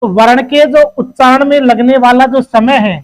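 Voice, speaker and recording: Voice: high voice, fairly even intonation, moderate pace, rough recording. A teacher giving an exam-prep grammar lesson. The teacher keeps asking questions, answers them, and calls the listeners "beta.".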